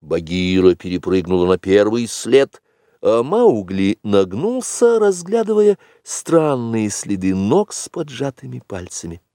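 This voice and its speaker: Male storybook narrator, lower pitch, lively and unhurried. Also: no echo, clean studio sound. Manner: slow, expressive reading.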